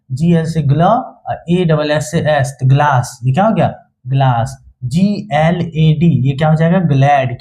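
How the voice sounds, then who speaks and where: A man's voice: fairly high pitch, mellow. Man teaching phonics with repeated questions. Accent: Hindi. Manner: repeats questions and answers himself. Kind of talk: phonics lesson.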